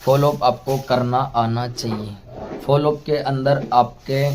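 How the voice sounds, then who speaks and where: A man's voice: medium pitch, fairly even intonation, slow pace, darkish tone, a little hiss or hum. A man giving a motivational sales training talk, calling the listener "friend" and going through numbered steps one by one. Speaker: network marketing trainer.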